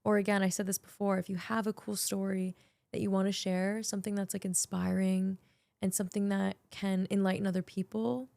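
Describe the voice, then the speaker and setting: Young woman, podcast host, chatty solo reflection, gravelly fry, dry close sound. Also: medium pitch, flat delivery, brisk, dark tone, dry recording. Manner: chatty, emotional, many filler likes. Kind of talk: casual reflective monologue. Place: small podcast studio.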